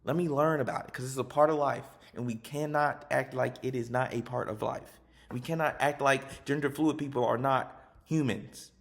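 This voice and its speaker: A man's voice: mid-range voice, fairly even intonation, normal speed, creaky. A man who works as a teacher, giving a passionate, emphatic spoken personal reflection.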